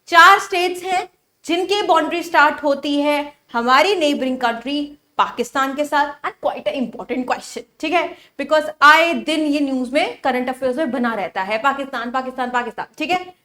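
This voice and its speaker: A woman teaching an exam-prep lesson, repeating memory tricks and checking with quick questions whether her students follow. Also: sits high, sharp tone. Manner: mixes English phrases into Hindi teaching.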